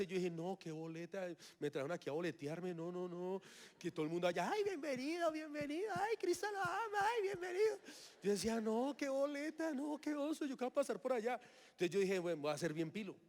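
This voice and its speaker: A man's voice: fairly high pitch, darkish tone. A man, giving a sermon testimony and acting out his own past reactions as he tells the story. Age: 30s. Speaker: preacher.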